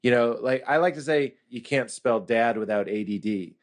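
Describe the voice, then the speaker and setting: A man telling comic stories about his family as a therapy patient, animated and self-mocking. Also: medium pitch, normal speed. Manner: animated, self-mocking, acts out quoted voices. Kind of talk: comic storytelling in a mock therapy session.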